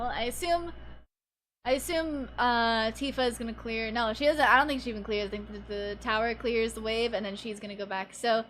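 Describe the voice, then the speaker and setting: A woman's voice: a little high, fairly bright tone, a little hiss or hum. A young woman from the Pacific Northwest giving chatty, giggly commentary on an esports match, tired from the early hour. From Pacific Northwest, USA. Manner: chatty, giggly, reads chat aloud. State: sleepy early in the day. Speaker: esports co-streamer. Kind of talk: casual game commentary.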